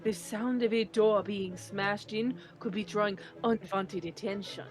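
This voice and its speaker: A woman's voice: mid-range voice, steady tone, unhurried, lightly acted. A woman reading an impulsive male bird lawyer. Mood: urgent. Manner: reads game dialogue aloud, slipping into an odd accent. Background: game music.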